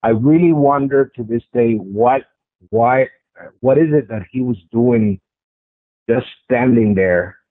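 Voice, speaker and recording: A strong-voiced man at mid-range pitch talks at a slow pace in a dry recording. As an interview guest, he recounts a personal sighting conversationally, repeating phrases for emphasis, and the sound is tinny, like a phone on the radio.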